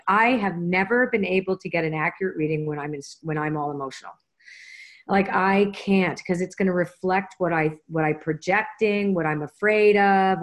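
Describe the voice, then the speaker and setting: A woman co-hosting a casual live question session on card reading, animated and often laughing. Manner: animated, laughing, acts out the cards in a high voice. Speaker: co-host and card reading teacher.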